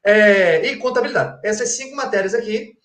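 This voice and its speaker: A forensic crime-scene expert from Pernambuco, Brazil, appears as a guest, his voice sitting high, expressive, brisk and a bit bright. He explains things in a didactic, colloquial way, tossing out rhetorical questions and checking in often with "tá?", and the roomy space gives the recording an echo.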